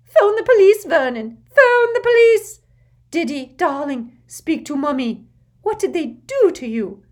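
A woman voicing a shrill, fussing middle-aged mother who shrieks in frantic panic. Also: very animated, unhurried, a little mellow, full character voice.

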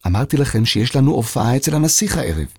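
A man's voice: mid-range voice, sing-song, mellow, husky, no room sound, clean studio sound. A man voicing a polite, earnest young boy composer in a children's audio story. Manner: polite, earnest, slightly prim.

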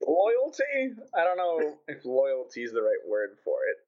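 Male gaming podcast regular, expressive intonation, bantering chat, muffled recording. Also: a little high, unhurried.

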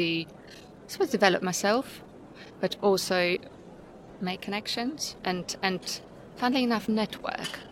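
Lowish-voiced woman in a noisy venue. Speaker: conference attendee, learning consultant. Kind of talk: conversational interview answer. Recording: live in noisy crowded venue. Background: clear venue noise.

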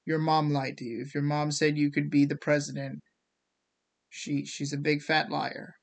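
The show's host, whose sex is unclear, comes from India and speaks with an American accent that still carries traces of Indian. The voice is gravelly and medium in pitch, delivered flatly at a moderate pace. It's a casual, opinionated rant done theatrically and sarcastically, with swearing and mock quotes acted out.

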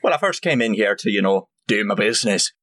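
A man's voice: fairly low pitch, lively intonation, fast talker, fairly bright tone, pitched below the performer's own voice. A man voicing a crafty male goblin hiding in human disguise, chatty and hesitant. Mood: casual.

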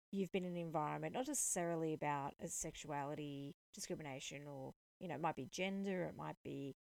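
Podcast host, female, low and gravelly, dry close sound, animated storyteller. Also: no room sound. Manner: animated, indignant retelling with quoted dialogue. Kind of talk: storytelling monologue.

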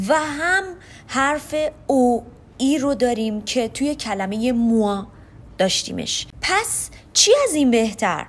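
Woman podcast teacher, highish animated voice, faint hiss behind, walks listeners through each step. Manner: explains step by step, addresses listeners as friends. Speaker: podcast host teaching French. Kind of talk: podcast lesson on pronunciation.

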